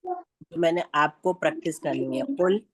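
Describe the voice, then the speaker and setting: A woman with a Pakistani Urdu accent teaching Quran recitation in an online class, speaking slowly and patiently and stretching out sounds to demonstrate them. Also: sits low, big pitch swings, breathy edge.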